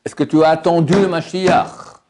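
A man's voice: fairly high pitch, fairly even intonation, moderate pace, background noise. A man giving a religious lesson as a sermon, addressing listeners directly with rhetorical questions and impassioned, rising emphasis. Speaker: rabbi giving a Torah lesson.

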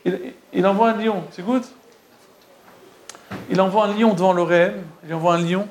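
A man casually retelling religious stories to listeners, halting and repeating words as he goes, often checking that they follow. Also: sits high, fairly even intonation, a little hiss or hum. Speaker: storyteller.

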